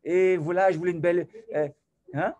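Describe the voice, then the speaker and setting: A man giving an animated sermon to a class, swinging from loud to soft and acting out little dialogues. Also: high voice, normal speed. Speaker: rabbi teaching a class.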